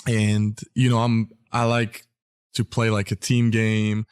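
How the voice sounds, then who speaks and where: A young man from Israel answers questions as an interview guest. His voice sits somewhat low and his speech is relaxed and filled with casual fillers. The sound is dry, close and without echo. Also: slow pace, smooth. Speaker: guest athlete.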